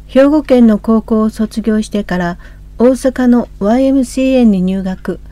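A woman in her fifties with a Kansai accent, co-hosting a religious radio talk and gently prompting her husband. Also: fairly high pitch, unhurried, no echo. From Hyogo, Japan. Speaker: co-host.

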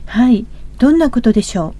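A woman in her fifties with a Kansai accent, co-hosting a religious radio talk and gently prompting her husband. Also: on the high side, animated, brisk. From Hyogo, Japan. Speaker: co-host.

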